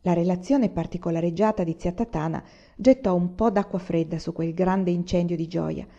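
A woman narrating a literary audiobook in a measured, expressive way, on a dull lo-fi recording. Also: fairly low pitch. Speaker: audiobook reader.

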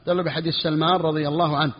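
Man teaching a fiqh lesson, fast talk, repeats phrases, dull lo-fi sound, long reverb. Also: on the high side, little pitch movement. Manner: repeats each phrase slowly for students; clears his throat now and then. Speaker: sheikh teaching Hanbali jurisprudence. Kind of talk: classroom lesson on a fiqh text.

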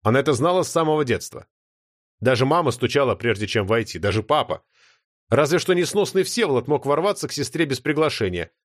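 A man narrating an audiobook in an expressive reading style. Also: mid-range voice, a little fast, no echo, studio quality.

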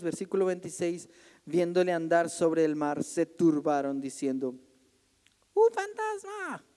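A male pastor preaching a sermon with animated delivery, sometimes acting out the cries of frightened people in the story. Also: fairly high pitch. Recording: long hall reverb.

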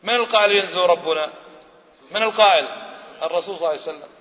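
Man, preacher, high voice, bright tone, emphatic, asks and answers questions. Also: racing. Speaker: Islamic preacher. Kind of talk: religious lecture. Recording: muffled lecture hall recording with long reverb.

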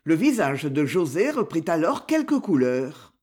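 A man narrating a literary novel aloud in a measured storytelling manner. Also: on the high side, slightly rough. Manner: measured storytelling with lively intonation. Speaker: audiobook narrator.

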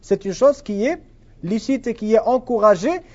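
A man's expressive, high, slightly mellow voice at moderate pace comes through dull lo-fi audio as he teaches religion and fields questions. Earnest and prone to repeating himself, he scatters Arabic phrases through his French.

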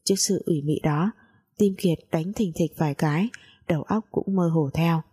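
A woman narrating a scripted story in a calm, measured reading. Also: on the low side, breathy edge.

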